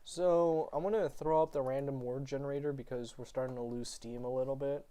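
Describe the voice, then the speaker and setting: A young man hosting a casual podcast with friends, his voice mellow and soft-edged. He jokes loosely and swears without a second thought. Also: medium pitch, steady tone, brisk. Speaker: podcast host. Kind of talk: casual chat.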